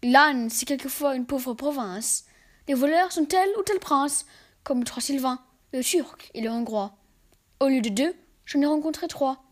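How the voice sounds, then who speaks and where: High-voiced woman reciting verse fables. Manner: measured, expressive recitation. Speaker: reader.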